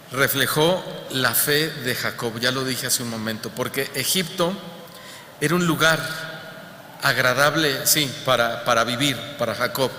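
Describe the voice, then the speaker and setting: A man's voice: medium pitch, sharp tone, slight background noise. A male pastor preaching a sermon who keeps asking his congregation rhetorical questions. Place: church hall. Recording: echoey church hall with long reverb.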